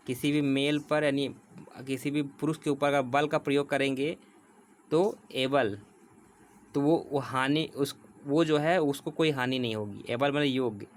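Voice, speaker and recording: Man teaching, slow and repetitive. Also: medium pitch, slight background noise. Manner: explains slowly with repetition, reads English definitions word by word. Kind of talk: exam prep vocabulary lesson.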